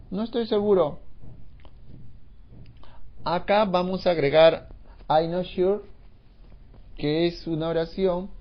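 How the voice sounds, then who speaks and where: Guy teaching english grammar in spanish, kinda high voice, dull lo-fi sound, repeats stuff a lot. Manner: explains slowly, repeats phrases, mixes in English. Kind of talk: classroom grammar lesson.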